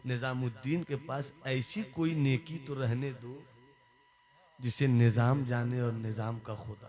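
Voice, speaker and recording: A man voicing a gentle elderly male Sufi saint who speaks softly and tenderly, in a sermon story. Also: medium pitch, close to an everyday voice. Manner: soft, hushed, tender.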